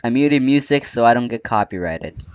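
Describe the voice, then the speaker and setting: A man's voice: mid-range voice, expressive, moderate pace, clean tone, dry recording, highs cut off. A man with the hiccups, chatting casually over gameplay, with a bit of playful trash talk. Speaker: gaming channel host. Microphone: close desk microphone.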